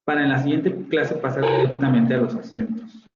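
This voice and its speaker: A man's voice: medium pitch, fairly even intonation, normal speed, a little mellow, a little hiss or hum. Mexican man teaching, roomy dull audio. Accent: Mexican Spanish. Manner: explanatory, repeats example words to model pronunciation. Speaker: university phonetics teacher. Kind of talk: online class lecture. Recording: roomy, slightly dull audio with faint ambience.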